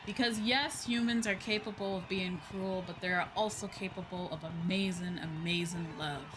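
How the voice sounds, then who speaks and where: Swearing freely and voicing strong opinions, a female VTuber streamer talks casually as she games, video game music running underneath. She speaks on the low side at a moderate pace with fairly even intonation, against a noisy background.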